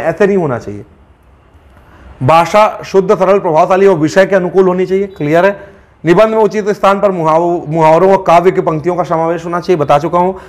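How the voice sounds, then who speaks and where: Coaching teacher lecturing in a higher voice. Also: male voice. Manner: conversational, checks understanding with frequent asides. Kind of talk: classroom lecture.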